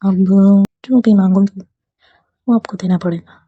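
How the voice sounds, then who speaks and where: A woman's voice: mid-range voice, a little slow, warm tone, breathy edge, no echo, dull audio. A woman voicing a playful, confident young woman in love, speaking in a teasing, tender way, in a storybook reading. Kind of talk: storybook dialogue read aloud.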